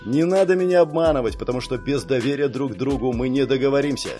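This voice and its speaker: A man's voice: mid-range voice, fast talker, dark tone, soft background music, close to an everyday voice. A man reading an audiobook and voicing a male bodyguard negotiating with a hostage-taker, firm and persuasive.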